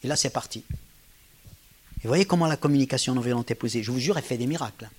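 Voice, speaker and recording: A man giving a public talk, telling stories with lively energy and acting out quoted dialogue in casual, slangy speech. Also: medium pitch, fast talker, breathy edge. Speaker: lecturer.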